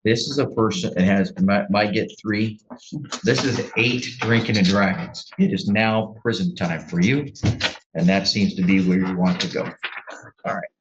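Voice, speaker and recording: A deep, low-voiced man sits as judge in a courtroom, handing down a sentence in a stern, blunt, lecturing way with halting restarts. The sound is a muffled, lo-fi courtroom recording with a faint hiss behind it.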